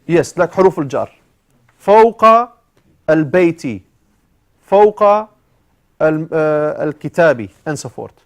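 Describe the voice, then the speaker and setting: A man's voice: on the high side, animated, slow, pauses often. A man teaching an Arabic grammar class, explaining step by step with frequent "uh" fillers and Arabic terms mixed in. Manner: explains step by step, repeating key words.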